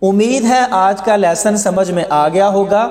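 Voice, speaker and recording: A man teaching Quran reading in a slow explanatory lesson, with a Pakistani Urdu accent, drawing out the words he recites. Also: high voice, a little mellow. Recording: echoey room with long reverb.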